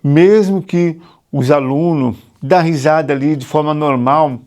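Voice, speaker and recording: A man's voice: fairly high pitch, a little slow, a little mellow. A Brazilian man, a psychotherapist, earnestly teaching and sharing his own story straight to the viewer, repeating himself and asking questions. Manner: earnest, repetitive, confessional. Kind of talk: teaching monologue to camera.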